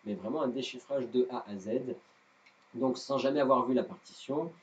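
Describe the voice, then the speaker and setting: A man's voice: medium pitch, normal speed, dull audio. A man with a non-native French accent teaching a live guitar lesson, hesitant and self-deprecating with many fillers. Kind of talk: live-streamed music lesson.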